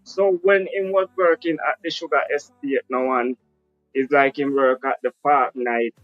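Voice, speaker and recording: A man with a Jamaican accent tells his life story in a reflective way, slipping into patois. His mid-pitched voice comes over a dry, dull, lo-fi call line. Faint music plays behind him. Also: steady tone, moderate pace, no room sound. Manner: reflective, speaks patois, often asks "you understand?". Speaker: guest. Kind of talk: casual storytelling interview.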